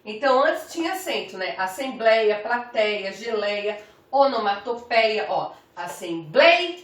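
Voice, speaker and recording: Female teacher, grammar lesson, measured and deliberate, pronounces each example word clearly; slow pace, echoey room. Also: fairly high pitch. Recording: roomy, from some distance off the mic.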